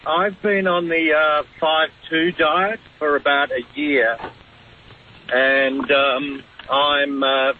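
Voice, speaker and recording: A man in his fifties calling a radio show on a speakerphone, talking hesitantly with many pauses and fillers. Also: fairly high pitch, steady tone. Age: 50s. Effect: on a speakerphone over a phone line. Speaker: caller. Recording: tinny phone line with faint hiss.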